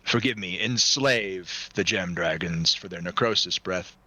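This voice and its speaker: Guy doing a deep solemn npc leader, slow formal and polite, dry mic. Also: pushed and bright, dry recording, exaggerated voice.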